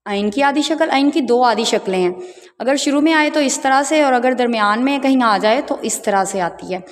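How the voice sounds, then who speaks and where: A woman teaching the Urdu alphabet, calmly naming each letter and its half forms one at a time. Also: high-pitched, normal speed, long reverb tail. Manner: patient, spells out letters one by one. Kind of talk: slow teaching walkthrough of letters.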